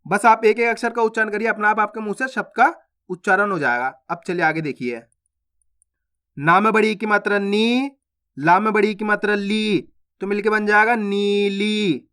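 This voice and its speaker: A man teaching Hindi reading, sounding out syllables slowly and stretching each word, with quicker explanations between. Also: high-pitched, fairly even intonation, bright, forceful tone, clear, resonant tone. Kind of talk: slow phonics lesson, drawn-out syllables.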